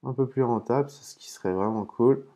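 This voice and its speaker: A man hosting a casual gaming video, explaining terms patiently between hesitant pauses and muttered curses at his own mistakes. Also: mid-range voice, mellow. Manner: hesitant, with frequent "euh" and restarts. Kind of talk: casual commentary while opening game cases.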